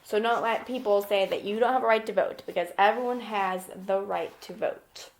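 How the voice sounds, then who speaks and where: An elementary school teacher reads aloud to young children, explaining things simply and often checking in as she gives instructions, with questions woven into the lesson. Her mid-range voice is steady and at normal speed, with a little hiss or hum in the audio.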